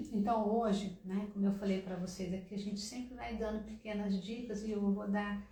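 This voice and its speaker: Female relationship coach, Brazilian Portuguese accent, chatty and explanatory, mid-pitched, roomy echo. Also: steady tone, normal speed, dark tone. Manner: conversational, frequent "né?" tags. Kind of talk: advice talk to camera.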